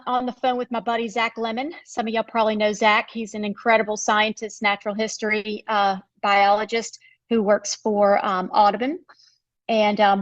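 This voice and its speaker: A woman's voice: medium pitch, no room sound, dull audio. Woman lecturing with a dry, close sound. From United States. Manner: explanatory, conversational with frequent um fillers. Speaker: biology professor giving a workshop talk. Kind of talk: recorded slide lecture.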